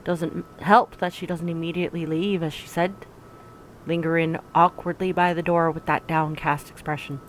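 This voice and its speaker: A woman reading first-person narration from a visual novel aloud in an even, reflective way. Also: deep voice, normal speed, slight background noise, low-quality recording. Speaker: let's play narrator.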